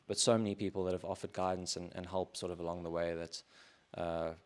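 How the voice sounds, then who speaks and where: Guy with a really deep voice, chatting as a podcast guest, kinda hedgy and measured. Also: little pitch movement. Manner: measured, hedging with "sort of" and "kind of". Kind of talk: casual interview chat.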